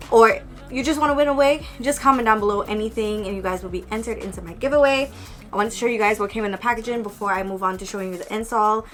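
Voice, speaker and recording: A woman's voice: medium pitch, fairly bright tone. A young woman chatting casually to her viewers as she reviews a wig, upbeat and direct. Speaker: beauty vlogger. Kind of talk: casual product review vlog.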